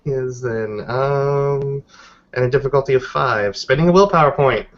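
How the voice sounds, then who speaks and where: A man plays a tabletop roleplaying game, chatting casually and cursing freely as a player. His voice is medium-pitched and moves at a normal speed, captured in a dull, lo-fi recording.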